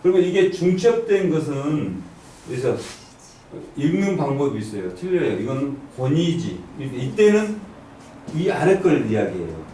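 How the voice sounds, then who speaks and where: A man's voice: on the high side, sing-song, a little slow, dark tone, a little hiss or hum. A man teaching an I Ching class, quizzing the students and drilling the readings aloud. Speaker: I Ching lecturer. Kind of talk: classroom lecture. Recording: echoey room, from far off.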